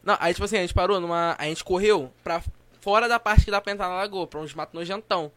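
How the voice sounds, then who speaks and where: A young Brazilian man tells a story quickly and animatedly, full of slang. His voice sits high and sounds bright. Friends chatter in the background. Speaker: podcast co-host. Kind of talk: casual storytelling among friends.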